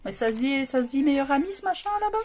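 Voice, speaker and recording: A woman's voice: sits high, animated, fast, darkish tone. Giggly woman chatting on a home livestream. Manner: giggly, chatty, self-mocking, talks to viewers by name. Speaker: makeup livestreamer. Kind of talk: casual live makeup chat.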